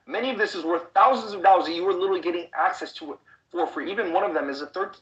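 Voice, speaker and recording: This online business trainer, a man from the Chicago suburbs, delivers a pushy sales webinar pitch in a fairly bright tone. He keeps asking the audience rhetorical check-in questions about whether they're following, and the recording quality is low.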